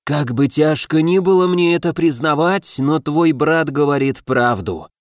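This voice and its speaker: Guy doing a snooty grumbly talking sword in an audiobook, kinda high and swoopy. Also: sing-song, a little slow, no echo, studio quality. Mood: haughty. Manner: theatrical, haughty, grumbling. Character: sarcastic pompous male sword spirit, fallen god. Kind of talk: audiobook character voice.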